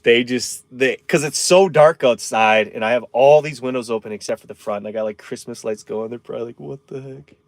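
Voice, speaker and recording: Guy in his 30s rambling on a live stream from his van, dry close sound, middle pitch. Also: brisk, few pauses, no room sound. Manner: rambling, chatty, reads out viewer comments. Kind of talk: casual live-stream chat. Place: inside a camper van in a winter forest.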